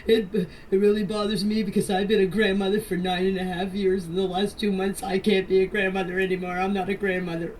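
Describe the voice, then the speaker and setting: An older woman from Canada leaves a distant, noisy phone voice message, defending herself earnestly in a personal account and repeating the points she insists on. Her mid-range voice is level and darkish in tone, moving fairly quickly with few pauses.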